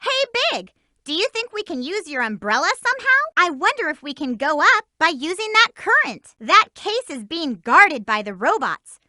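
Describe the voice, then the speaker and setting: A woman voices a spirited, bossy teenage hedgehog girl in a video game, giving upbeat, emphatic tutorial hints with an eager mood. Her high, exaggerated voice swings widely in pitch and sounds pushed and bright at a moderate pace. It was recorded close in a studio with no echo.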